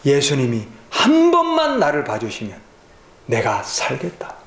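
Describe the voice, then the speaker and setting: A man voicing a desperate blind male beggar, pleading and shouting for help. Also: wildly swooping pitch, a little slow, full character voice. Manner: pleading, shouting at a high pitch. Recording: echoey church hall.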